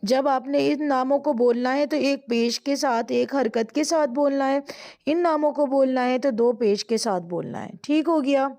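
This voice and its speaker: A woman with a Pakistani accent teaching an Arabic grammar lesson, who explains in quick bursts and slows right down to recite each word. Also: sits high, darkish tone. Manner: explains in quick bursts, drawls slowly when reciting words.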